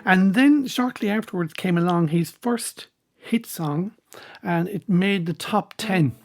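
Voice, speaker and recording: A woman's voice: fairly low pitch, unhurried. A woman hosting a music podcast, chatting casually between songs with frequent ums and restarts.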